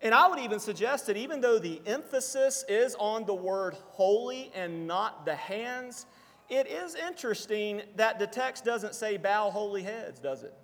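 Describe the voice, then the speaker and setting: A man preaching a sermon to a congregation, explaining scripture in a measured teaching manner and slowing down for quotations. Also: high-pitched, expressive, fairly bright tone. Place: church assembly hall. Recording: long reverb of a church hall.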